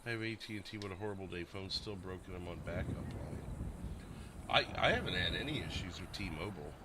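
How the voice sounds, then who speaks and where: A man's voice: sits low, lively intonation, fairly quick, noisy background. A man hosting a livestream, chatting casually with viewers at a desk microphone in a rambling, self-deprecating way with lots of fillers. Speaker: livestream host. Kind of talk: casual chat with stream viewers.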